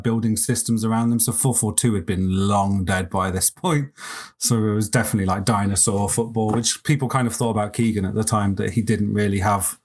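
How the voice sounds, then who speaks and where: A man co-hosting a podcast, chatting casually about a film with lots of "like" fillers. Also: lowish voice. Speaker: podcast co-host. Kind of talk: casual film review chat.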